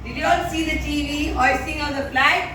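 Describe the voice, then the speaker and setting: A woman's voice: high-pitched, fairly even intonation, normal speed. A woman with an Indian accent teaching young children in a classroom, asking simple questions, prompting them to repeat and praising their answers. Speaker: primary school teacher. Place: school classroom. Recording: echoey noisy room, distant microphone.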